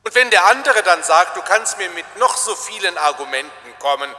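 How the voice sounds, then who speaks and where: A man giving a reflective sermon as a preacher, speaking slowly, deliberately and with emphasis. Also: high voice, lively intonation, bright, forceful tone. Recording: long hall reverb.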